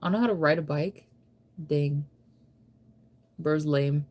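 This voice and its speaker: Low-pitched and unhurried, with a darkish tone, this woman is an American streamer in her thirties. She chats loosely on a late-night livestream, picking up viewer comments and answering them. Her manner is rambling and conversational, playful and self-teasing.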